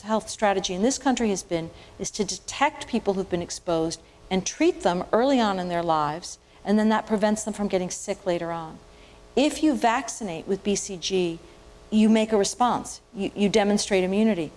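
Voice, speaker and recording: A woman physician giving a public lecture with audience questions, in an explanatory, measured way and often restarting phrases as she thinks. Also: medium pitch, a little mellow, a little hiss or hum. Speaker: physician speaker. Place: university event room with audience.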